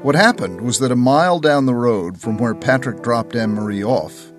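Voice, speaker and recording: A man hosting a podcast, wrapping up a guest's story with reflective commentary that rushes through some phrases. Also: medium pitch. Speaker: podcast host. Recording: faint music behind.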